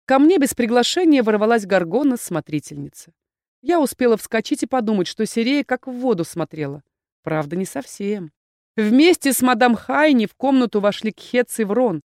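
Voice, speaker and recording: A woman narrating a first-person audiobook in a lively, expressive way. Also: a little high, moderate pace, dry recording, studio quality.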